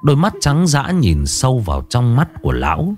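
Expressive male horror storyteller. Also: medium pitch, brisk, faint music behind. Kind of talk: scripted horror narration.

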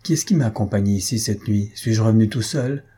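A man's voice: fairly low pitch, brisk, warm tone, breathy edge. A man voicing a distraught, jealous young baron who speaks in agitated exclamations.

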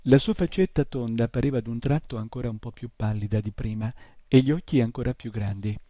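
A man reading a novel aloud in a calm, measured way. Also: medium pitch, no echo. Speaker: audiobook reader.

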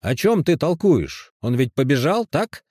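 A man voicing a gruff, impatient male police detective who raises his voice sharply. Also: fairly high pitch, big pitch swings, measured pace, darkish tone, dry recording, studio quality, pitched above the performer's own voice, heavily acted. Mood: pressing.

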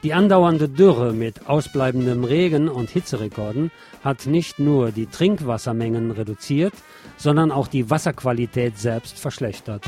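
This radio show host reads local news from a script in a mellow, medium-pitched male voice, adding his own sardonic, opinionated commentary. Guitar music plays in the background.

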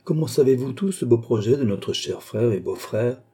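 Man doing a proud young queen, imperious, brisk, dark husky tone, storybook reading. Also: medium pitch, lively intonation. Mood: lively.

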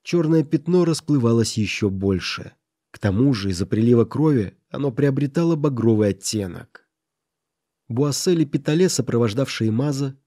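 A male narrator reads a classic story with a mellow, warm tone and measured delivery. The recording is close and dry, with no room sound. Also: mid-range voice, dry recording. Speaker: audiobook reader. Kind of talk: scripted audiobook narration.

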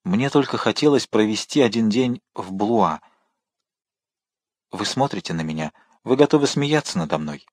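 A man's voice: fairly low pitch, expressive, moderate pace, dry recording, clean studio sound. A man reading the part of an eager, respectful young viscount who speaks earnestly and politely.

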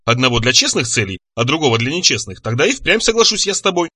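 A man's voice: medium pitch, very animated, fast, bright, forceful tone, slightly rough, no echo, recorded from a distance, heavily acted. A man voicing a bold young huntress maiden who speaks in an old-fashioned, spirited way.

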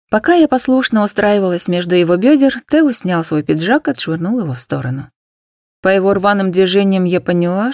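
A woman narrating a first-person audiobook in a soft, intimate, hushed manner. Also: on the low side, no echo, studio quality.

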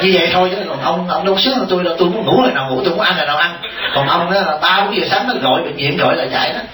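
A male Buddhist monk giving an animated, teasing dharma talk, often turning to his audience with questions. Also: a little high, recorded from a distance. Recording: echoey hall from off-mic.

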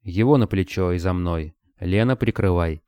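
A man voicing a gruff bearded hunter. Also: sits low, moderate pace, warm tone, no echo, studio quality, natural voice. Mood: grim. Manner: barking, curt orders. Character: gruff bearded male hunter leader, grim and curt. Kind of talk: audiobook character voice.

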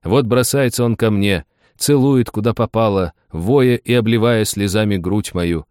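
A man narrating an audiobook, telling the story with lively, expressive delivery. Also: lowish voice, a little slow, clean tone, no room sound, clean studio sound. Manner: lively storytelling with voiced asides.

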